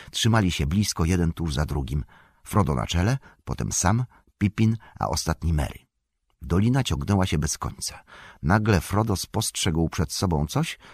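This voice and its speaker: A man reading a fantasy novel aloud as an audiobook narrator, in measured, expressive storytelling. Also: sits low, breathy edge, dry recording, studio quality.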